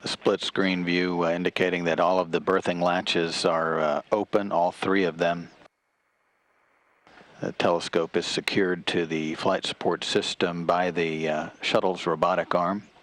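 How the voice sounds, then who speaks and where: Deep, even-toned male mission commentator. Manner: measured, halting with frequent hesitations. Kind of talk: unscripted technical commentary.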